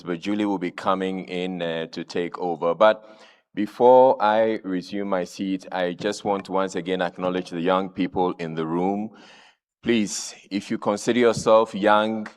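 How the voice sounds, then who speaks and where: A man addressing a live audience as moderator, exhorting them with deliberate repetition. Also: on the low side, clear, resonant tone, in a large hall. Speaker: forum moderator. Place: conference room with audience.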